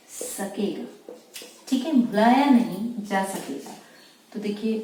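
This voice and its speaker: A woman teaching shorthand, slowly and patiently explaining each word. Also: medium pitch, dark tone. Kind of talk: slow dictation-style shorthand lesson. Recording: echoey room, mic far off, faint noise.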